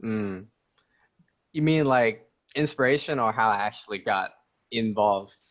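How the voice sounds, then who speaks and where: 19 yr old guy, kinda low voice, goofing around and laughing in a chill interview. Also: measured pace, a bit bright, lo-fi sound. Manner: joking, laughs often, rambling with restarts. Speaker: interview guest, activist. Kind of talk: casual interview chat.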